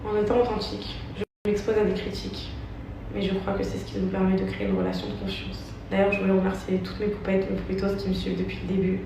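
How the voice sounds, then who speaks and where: A young woman reading a personal statement to her followers as an earnest, halting apology. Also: mid-range voice, little pitch movement, creaky. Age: young adult. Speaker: social media influencer. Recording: noisy, very echoey, distant microphone.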